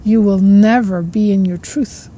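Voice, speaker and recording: A woman with a steady, mid-range voice carrying a breathy edge hosts a podcast, musing at length in a reflective spiritual monologue. She speaks slowly and thoughtfully, with soft laughs and repetitions that trail off.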